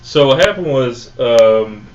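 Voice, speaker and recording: A man's voice: mid-range voice, lively intonation, takes it slowly, dull audio, background noise. A man co-hosting a comedy web show, rambling in casual banter, laughing often and swearing freely.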